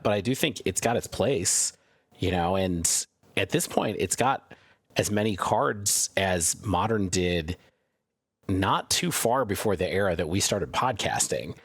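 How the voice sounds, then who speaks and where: A man co-hosting a podcast, chatting casually in a thoughtful, measured way. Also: low-pitched, animated, a bit bright, breathy edge, no room sound, studio quality. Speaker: podcast co-host. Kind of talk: casual chat.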